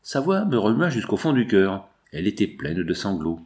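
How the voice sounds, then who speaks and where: A man reading a classic adventure novel aloud in a measured, dramatic way. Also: fairly low pitch, big pitch swings, a little mellow. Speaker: audiobook narrator.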